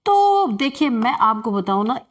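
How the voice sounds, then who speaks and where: A woman reading tarot for an online audience, her voice sitting a little high. She talks at an unhurried pace, drawing out each card name before easing into chatty, laugh-filled explanations. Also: very animated. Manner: slow, drawn-out card calls, then brisk chatty explanation with frequent laughs. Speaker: tarot reader. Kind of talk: general tarot reading to viewers.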